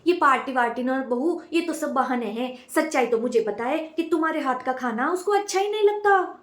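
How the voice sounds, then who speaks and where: High-voiced nagging saas type, woman doing it, scolding and bragging about her son, echoey room. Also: animated, a little fast, noisy background. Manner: scolding, self-praising, keeps prodding with "हैं?". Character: nagging middle-aged mother-in-law, boastful about her son. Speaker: mother-in-law in a comedy sketch.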